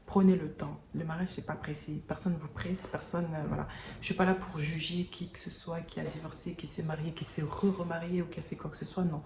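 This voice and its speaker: Woman vlogging on the camera mic, lowish voice, halting and earnest, echoey room. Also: level tone. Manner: earnest, halting, many restarts. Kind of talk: casual talk to camera. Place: indoors near an airport, daytime. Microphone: no external mic, camera mic. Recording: roomy echo, faint background noise. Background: planes and sirens passing.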